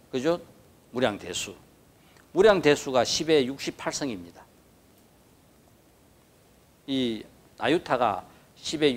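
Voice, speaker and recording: A man with a Gyeongsang accent giving a dharma lecture on a Buddhist scripture. He stresses key words and keeps asking the listeners to agree. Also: mid-range voice. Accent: Gyeongsang Korean. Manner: emphatic, repeats key words.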